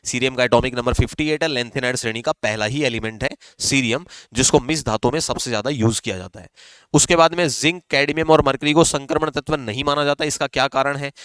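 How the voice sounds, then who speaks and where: A male chemistry teacher with a Rajasthani Hindi accent gives an exam-prep lesson, working through exam questions step by step and answering his own questions. His mid-range voice is fairly bright and clean, with no room sound.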